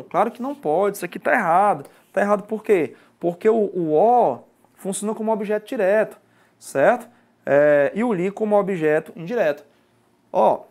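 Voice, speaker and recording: With a high-pitched, darkish voice, a Brazilian Portuguese–accented man leads a grammar lesson for exam prep, explaining each step and regularly checking that the student is following.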